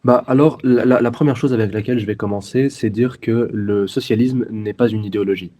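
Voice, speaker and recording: A man's voice: on the low side, fairly even intonation, fairly quick, mellow. A 21-year-old man with a Belgian French accent, answering interview questions earnestly as a guest, with many fillers and restarts. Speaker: guest, youth party section president.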